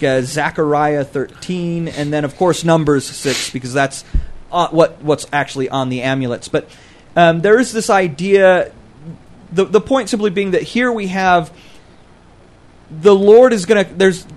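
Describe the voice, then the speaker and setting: A man co-hosting a podcast, explaining scripture in a casual, scholarly way and thinking aloud as he goes. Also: on the high side. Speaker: podcast co-host discussing scripture.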